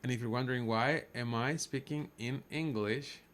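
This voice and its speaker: A man's voice: mid-range voice, normal speed, fairly bright tone, slight background noise. Rambling man with a Chilean accent. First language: Spanish. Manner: rambling, often backtracking and correcting himself. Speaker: live streamer. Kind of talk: casual unscripted livestream monologue in English.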